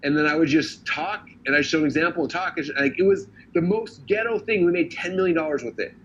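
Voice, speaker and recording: A man runs a business training session, talking fast and casually with lots of fillers and an upbeat push. The recording sounds dull and lo-fi, with faint noise underneath. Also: on the high side, a bit bright.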